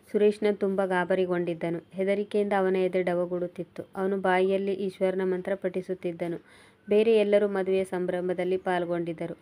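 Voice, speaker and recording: Low, flat-voiced woman storyteller. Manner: steady, even read-aloud pacing. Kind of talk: scripted storybook narration.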